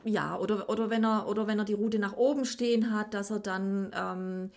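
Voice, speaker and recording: Woman, host, hesitant, lots of fillers, mid-pitched. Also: steady tone, moderate pace, darkish tone. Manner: hesitant, with frequent fillers and checking questions. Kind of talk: casual interview chat.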